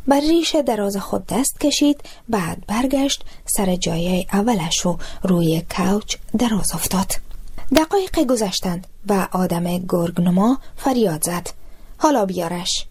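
A woman with an Afghan Dari accent, narrating a short story in a calm, even storytelling manner. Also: mid-range voice, breathy edge.

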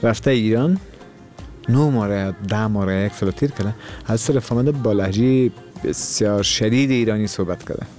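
Afghan dari radio host guy, lowish voice, earnest, lecturing tone, soft music under it. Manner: earnest, lecturing about culture. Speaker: radio call-in show host. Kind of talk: radio call-in talk.

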